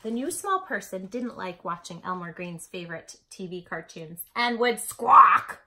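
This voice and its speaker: In a very noisy recording, a woman leads a children's read-aloud with a medium-pitched voice, lively intonation, and a measured pace. Her delivery is loving and expressive, with emphatic storyteller phrasing addressed right to the listener.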